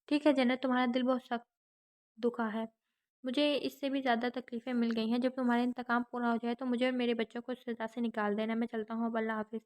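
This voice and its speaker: A woman's voice: on the high side, flat delivery, darkish tone, close to an everyday voice. Brief: remorseful young man, read by a woman, pleading and broken, audiobook novel.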